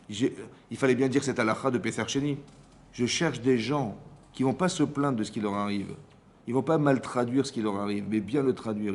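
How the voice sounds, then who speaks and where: A man's voice: on the low side, slight background noise. A man giving a Torah lesson as a rabbi, acting out dialogues and often checking that his listeners understood. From France. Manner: lively, acts out dialogues, asks the audience if they understood. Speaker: rabbi teaching a class. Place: community hall class.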